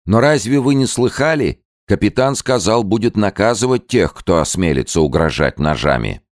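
A man's voice: fairly low pitch, lively intonation, normal speed, dry recording, studio quality, voice pushed up, close to an everyday voice. A man doing a cringing old trader. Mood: pleading. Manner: pleading and wheedling.

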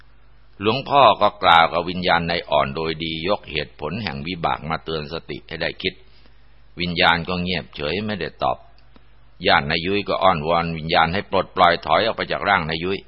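A man's voice: sits low, brisk. A man narrating a ghost story in a dramatic, vivid storytelling manner. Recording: dull lo-fi recording.

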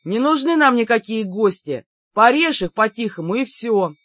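A woman voicing a teasing young man with a sweet tooth, purring and coaxing in a drawn-out way, in an audiobook. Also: fairly high pitch, animated, a bit bright, dry recording, lo-fi sound. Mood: dismissive. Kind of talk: audiobook character voice.

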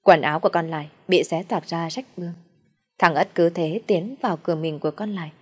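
A woman storyteller narrating a dark folk tale in a steady, even voice. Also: lowish voice, fairly quick, breathy edge.

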